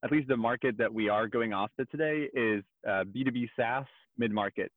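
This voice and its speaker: A man with a light French accent, a startup co-founder giving a measured, explanatory podcast interview. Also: medium pitch, no echo. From France. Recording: tinny phone-like remote line.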